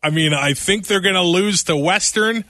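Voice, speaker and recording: A man co-hosting a sports podcast, excitable and laughing often, nearly losing his voice. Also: high voice, moderate pace, no room sound, studio quality. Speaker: podcast co-host. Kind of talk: casual sports chat.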